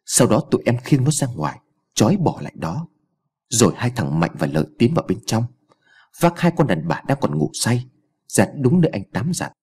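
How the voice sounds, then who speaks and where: A man's voice: mid-range voice, big pitch swings, moderate pace, darkish tone, breathy edge. A man doing a nervous, deferential henchman. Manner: stammering, deferential. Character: nervous young male henchman reporting.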